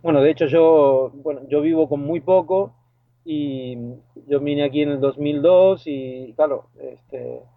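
Over a tinny phone line, an Argentine man with an Argentine Spanish accent is interviewed as a guest; he works as a lifeguard and boat skipper. His voice sits on the high side, gravelly and measured in pace, and the recording is dry. He speaks hesitantly, full of fillers and restarts.

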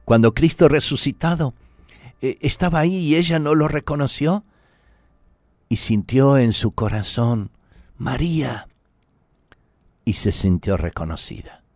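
A man's voice: medium pitch, animated, a little slow, pauses often, a little mellow, no room sound, studio quality. A man preaching a sermon in an earnest, pleading, intimate way, sometimes dropping to a whisper.

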